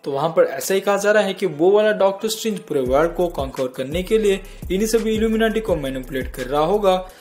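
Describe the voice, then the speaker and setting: A man's voice: sits high, lively intonation, quick pace, few pauses, darkish tone. A man hosting a casual comic news roundup in speech, chatty and joking, talking straight to his viewers. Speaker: entertainment news host. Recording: faint music behind.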